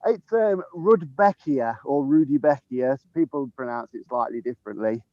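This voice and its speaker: Easygoing gardener, dull lo-fi sound. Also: male voice, medium pitch, big pitch swings, brisk, no room sound. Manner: easygoing, chuckles often, many ums. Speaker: head gardener. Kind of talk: casual garden tour chat. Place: outdoors in a sunny garden. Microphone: handheld phone camera while walking.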